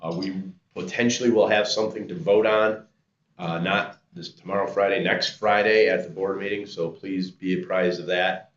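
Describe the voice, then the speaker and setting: Very low-voiced man chairing a meeting, halting delivery, roomy and muffled room mic. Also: steady tone. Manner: halting, many fillers and restarts. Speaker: committee chair. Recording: roomy, dull, faint noise.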